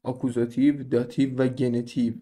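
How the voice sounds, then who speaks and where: A man's voice: mid-range voice, little pitch movement, dark tone. A young man teaching a beginner German lesson in a casual way, explaining step by step and asking his students questions.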